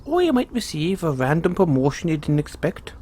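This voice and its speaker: In an audio roleplay, a male performer plays a kind, playful leprechaun, speaking softly to a single listener in a folksy, reassuring way. His fairly high, mellow voice swings widely in pitch and runs a touch fast, sounding cheerful and generous.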